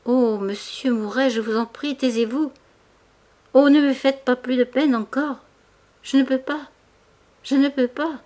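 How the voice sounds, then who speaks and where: A woman reading the lines of a young shop girl, calm at first, then pleading in broken phrases. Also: mid-range voice, normal speed, lightly acted. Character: young shop girl, gentle but firm.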